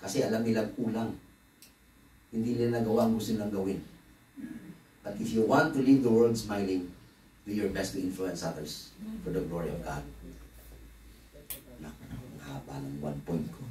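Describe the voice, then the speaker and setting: A man's voice: lowish voice, fairly even intonation, moderate pace, pauses often, dark tone, reverberant, far from the mic, a little hiss or hum, low-quality recording. A man preaching a conference sermon in a conversational, joking way, with asides to the congregation. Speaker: pastor. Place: church hall.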